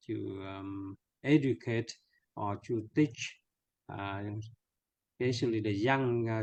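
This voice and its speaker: Slow, halting Vietnamese-accented older man. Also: mid-range voice, darkish tone, no echo. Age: 60s. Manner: halting, searching for words, earnest. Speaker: Jesuit priest guest. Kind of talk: conversational interview.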